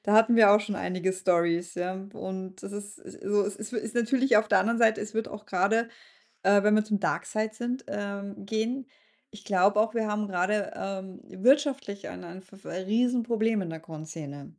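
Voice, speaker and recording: A woman's voice: mid-range voice, fairly even intonation, normal speed, darkish tone. A woman who is an artist and event organizer, speaking candidly in a casual podcast chat. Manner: candid, laughs easily, restarts often.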